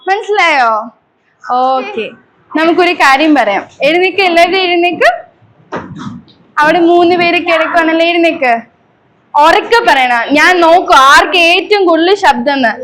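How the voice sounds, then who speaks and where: A woman leading young schoolchildren through an environment day class, coaxing them with repeated questions. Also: very high voice. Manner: leads a slow, loud group pledge. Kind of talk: classroom talk to young children. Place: school gathering with children. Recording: noisy school room recording.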